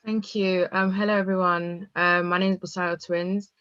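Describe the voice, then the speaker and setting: A woman's voice: lowish voice, level tone, normal speed, fairly bright tone, smooth, dull audio. A woman, introducing herself as a panel guest in a fluent way with frequent fillers.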